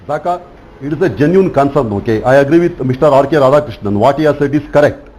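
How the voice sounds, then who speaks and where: A man's voice: medium pitch, animated, quick pace, a little mellow, low-quality recording. A man from South India, a journalist, arguing insistently on a TV news debate and tagging his points with "okay?". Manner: insistent, argumentative, keeps adding "okay?". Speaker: journalist panelist.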